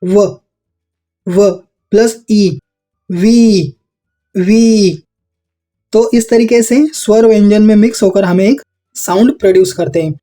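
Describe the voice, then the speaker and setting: A teacher walking students through Hindi vowel signs, spelling out words one syllable at a time. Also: male voice, high voice, slow, pauses often, mellow, soft background music. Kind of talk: Hindi phonics lesson.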